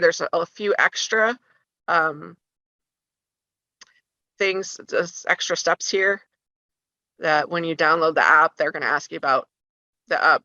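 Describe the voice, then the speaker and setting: A school tech trainer walks parents through using school apps, talking conversationally with frequent ums and restarts. Her fairly low voice is bright and forceful, with no room sound and a slightly dull lo-fi quality.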